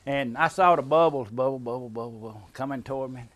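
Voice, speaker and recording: A man's voice: mid-range voice, fast, fairly bright tone, lo-fi sound. An older man with a Southern US accent, rambling through a folksy family tale and chuckling along the way. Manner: drawling, rambling, chuckles at his own tale. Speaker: storyteller.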